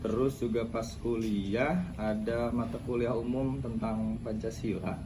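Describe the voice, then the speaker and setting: A man in his thirties, a high school teacher, giving measured, explanatory interview answers. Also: steady tone. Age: 30s. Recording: noisy background.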